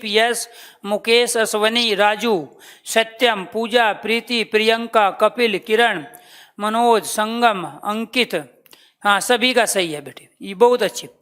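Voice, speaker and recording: A woman's voice: fairly high pitch, fairly even intonation, slow, a bit bright, clean tone. A woman teaching a live online exam-prep class as a language teacher. She keeps quizzing her students and repeating terms, and calls them "dear children". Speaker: Hindi teacher.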